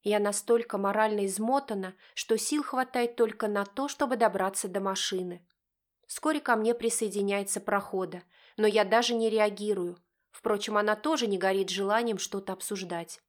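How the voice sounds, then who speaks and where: A woman narrating a first-person novel audiobook in a steady, even storytelling manner. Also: mid-range voice, normal speed.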